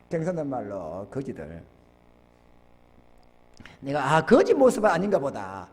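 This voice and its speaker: A male pastor preaching a sermon, telling folksy stories with sudden loud outbursts. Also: very high-pitched. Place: church sanctuary. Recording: church hall with long reverb.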